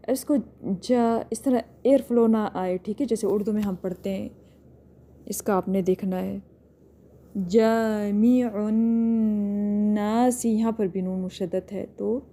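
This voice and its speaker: A woman's voice: medium pitch, warm tone. A woman teaching a tajweed lesson, patiently explaining each step and drawing out words as she recites.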